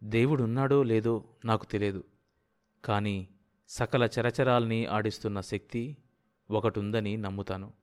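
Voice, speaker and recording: Man voicing a serious quiet guy, slow and grave, a bit lower. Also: steady tone, clean tone, lightly acted. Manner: slow, measured, deliberate.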